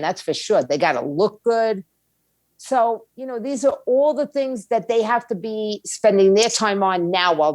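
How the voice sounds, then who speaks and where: A woman at medium pitch, her voice a little mellow, answers as an interview guest in blunt, opinionated, short emphatic statements. She owns a music label and is an attorney. There's no echo in the recording.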